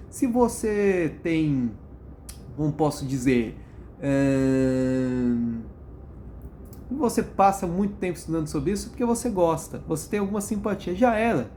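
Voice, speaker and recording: A vlogger ranting to camera in a casual, blunt, slangy way, laughing at their own stories and jumping up in pitch for emphasis. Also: mellow, slight background noise. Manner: profane, blunt, slangy storytelling; mimics other people's voices when quoting.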